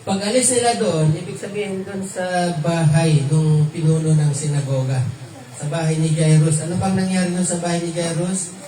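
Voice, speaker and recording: A man's voice: fairly high pitch, fairly even intonation, normal speed, dark tone. A man teaching a verse-by-verse Bible study, quizzing his listeners with light laughs and mixing in English phrases. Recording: echoey room, mic far off, noisy.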